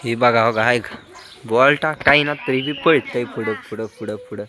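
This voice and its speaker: A man gives excited running commentary on a game of rooftop cricket for his vlog, calling out to the kids and to his viewers. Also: medium pitch, normal speed, crowd noise. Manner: lively, calls out to kids and viewers. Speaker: vlogger. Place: outdoor rooftop terrace.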